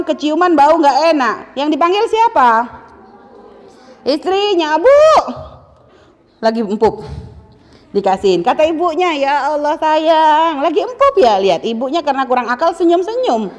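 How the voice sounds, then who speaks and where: Animated high-voiced woman preacher, reverberant hall. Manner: lively, teasing, acts out quoted voices. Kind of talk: religious talk to women.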